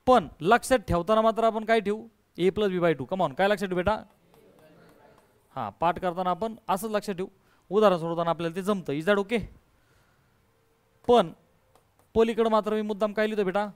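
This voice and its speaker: A man's voice: sits high, clear, resonant tone, dry recording. A male math teacher giving a call-and-response lesson, coaxing and quizzing his students and mixing in English terms. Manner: coaxing, quizzes students, calls them dear.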